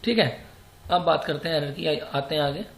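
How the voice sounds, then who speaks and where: A man's voice: a little high, moderate pace, creaky, a bit bright, reverberant, slight background noise. A man teaching English grammar for exam preparation, who poses rhetorical questions, answers them himself and repeats example sentences. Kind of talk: explanatory exam-prep lesson.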